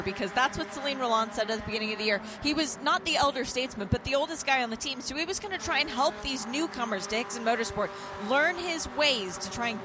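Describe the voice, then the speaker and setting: A motorsport co-commentator giving conversational race commentary with chatty, playful banter. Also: high-pitched. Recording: trackside broadcast with loud engine noise. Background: racing cars and trackside ambience.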